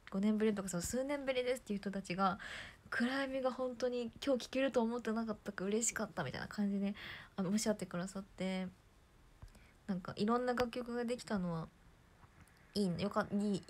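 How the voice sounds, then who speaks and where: A young woman with a hoarse throat chatting casually on a livestream, bubbly and chatty, often dropping to soft near-whispers. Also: medium pitch, fast. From Japan. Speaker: idol livestreamer.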